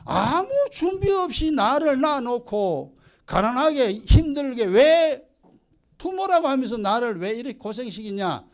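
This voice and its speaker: A man's voice: extremely high pitch, big pitch swings, measured pace, pitched above the performer's own voice, exaggerated voice. A man voicing a child who indignantly complains to the parents, in a sermon.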